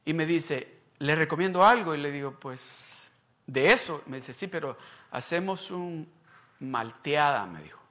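Animated bright-voiced preacher telling a story. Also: male voice, a little high, measured pace. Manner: animated storyteller, acts out dialogue, bursts of loud emphasis. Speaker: pastor. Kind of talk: sermon storytelling.

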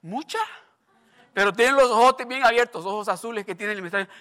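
A man's voice: sits high, fast talker, pushed and bright, clear, resonant tone. An older man preaching a sermon, emphatic and repetitive, asking the congregation questions and telling stories from his own life. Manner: storytelling asides.

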